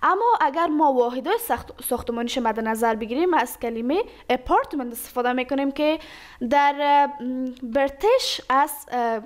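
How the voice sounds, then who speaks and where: A woman teaching English phrases, saying each example slowly and carefully and then explaining it quickly. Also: high-pitched, lively intonation.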